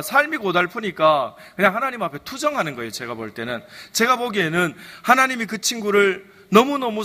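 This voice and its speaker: Bright-voiced male preacher in echoing church. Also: fairly high pitch. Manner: storytelling, rhetorical questions to congregation. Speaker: pastor. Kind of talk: sermon. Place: church sanctuary. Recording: reverberant church hall.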